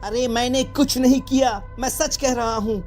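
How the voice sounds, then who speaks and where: A voice actor plays a twenty-year-old son who cannot explain what is happening to him. He talks earnestly and defensively at a middle pitch. Lively cartoon music sits behind the voice. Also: unhurried, close to an everyday voice. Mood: earnest, confused. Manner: earnest, protesting. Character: young man of twenty, puzzled and jumpy. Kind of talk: Hindi cartoon voice acting.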